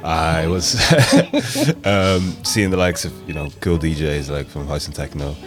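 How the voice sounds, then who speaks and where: A very deep-voiced man from Belfast speaks a little slowly, chatting as a guest in an interview. He's a DJ and producer in his thirties whose relaxed, wandering talk is packed with fillers. Music plays in the background of the recording.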